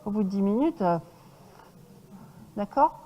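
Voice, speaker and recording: A woman horse trainer giving a lecture to an audience, lively and demonstrative, often checking in with her listeners. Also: medium pitch, measured pace, big-room sound, highs cut off, a little hiss or hum.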